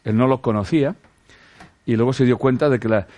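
A man's voice: mid-range voice, fairly quick, warm tone. A man with a Spanish accent from Spain giving a casual spiritual talk to a group, firing rhetorical questions, dropping earthy slang and calling his listeners sweethearts. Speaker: spiritual teacher.

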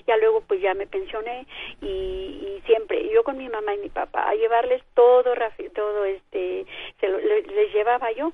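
A woman's voice: mid-range voice, steady tone, normal speed, breathy edge. Older Mexican woman calling in by phone. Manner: emotional, rambling storytelling. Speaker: caller. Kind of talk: call-in radio conversation. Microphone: telephone. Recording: tinny phone line.

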